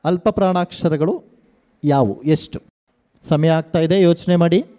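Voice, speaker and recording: Lively man hosting a radio quiz. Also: a little high, dry recording, studio quality. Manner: energetic, coaxing contestants, slow emphatic questions. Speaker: quizmaster.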